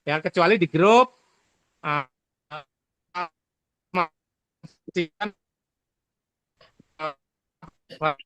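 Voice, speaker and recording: Man in an online meeting, higher-pitched, dry sound, connection breaking up mid-sentence, hesitant. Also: very slow, long pauses, bright, forceful tone, smooth, dry recording. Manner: hesitant with many fillers. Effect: choppy audio breaking up over a weak call connection. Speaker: meeting participant. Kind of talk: casual online meeting comment. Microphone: online meeting call.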